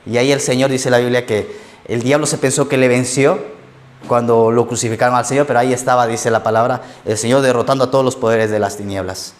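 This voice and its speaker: A man's voice: medium pitch, steady tone, quick pace. A man preaching a sermon as a pastor in a church, telling stories and acting out quoted lines, often checking in with the congregation.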